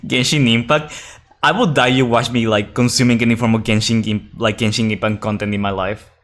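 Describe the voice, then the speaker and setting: A man's voice: mid-range voice, steady tone, a little fast, fairly bright tone. A young man streaming a game, chatting casually with viewers and reading the game's text aloud, rambling and restarting his sentences and swearing now and then.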